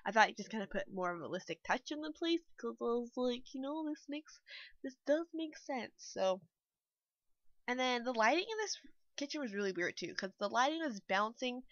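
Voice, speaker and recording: A young woman who vlogs about building games rambles casually through a voice-over walkthrough, chatty and packed with fillers. Her voice sits on the high side with lively intonation at a normal speed, a bit bright and a bit nasal, as if she's still a little sick. The dull, dry lo-fi mic gives a dry recording.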